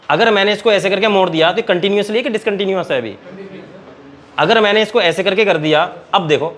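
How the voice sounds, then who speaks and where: A man's voice, pitched high, lecturing in a Hindi-speaking Indian accent. He is a chemistry teacher who drills his students with quick questions and calls them beta as he goes. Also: fairly bright tone. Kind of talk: classroom lecture at a board.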